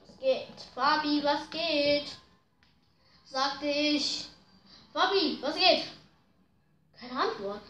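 A woman giving slangy, excitable commentary while playing a racing game, groaning and pleading at the screen. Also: high-pitched. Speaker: gaming video host. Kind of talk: casual gameplay commentary. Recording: roomy echo.

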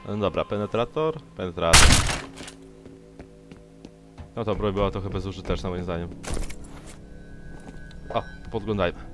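A man's voice: sits low, moderate pace, long pauses, over music. A young man doing let's play commentary, sarcastically talking back to the enemies on screen. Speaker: gameplay commentator.

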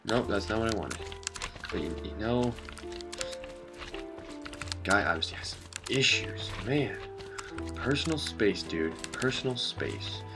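A young man giving casual, rambling gameplay commentary with deadpan absurd jokes. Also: fairly low pitch, measured pace, long pauses. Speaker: gaming vlogger. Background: game music.

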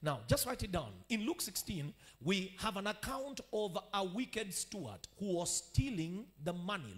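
High, lively Kenyan preacher. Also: male voice. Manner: swings from quiet teaching to shouted declarations, calls for amen. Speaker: pastor. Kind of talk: sermon.

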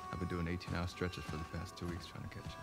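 A man playing a worn-out, loyal young male survivor in a video game, speaking in a tired, low-key way. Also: level tone, fast talker, vocal fry, music in the background.

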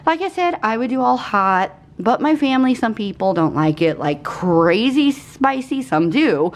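In her home kitchen, a vlogger in her forties shows her groceries, her voice on the high side, expressive, and measured in pace. The chat is casual and rambling, and she gets sidetracked easily.

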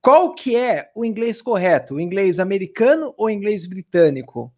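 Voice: mid-range voice, sing-song, moderate pace, warm tone. An English teacher with a Brazilian Portuguese accent giving a chatty, upbeat live online lesson and talking straight to the viewers.

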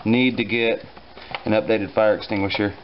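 Low-voiced man talking through a garage repair. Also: normal speed, highs cut off, background noise. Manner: relaxed, dry joking, lots of fillers. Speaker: repair instructor. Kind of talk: casual hands-on repair tutorial. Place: home garage workshop.

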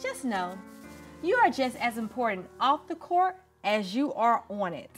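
A woman's voice: a little high, sing-song, unhurried, faint music behind. A woman playing an encouraging poetry teacher on a children's show, in a broad singsong delivery. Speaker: teacher, show's star. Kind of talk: scripted children's show acting. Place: indoor TV studio set, light music behind.

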